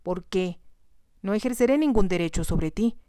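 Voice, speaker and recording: Heartbroken young bride, read by a woman in whispered role-play, soft, pleading, dry close sound. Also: mid-range voice, lively intonation, normal speed, clean tone, no echo, lightly acted.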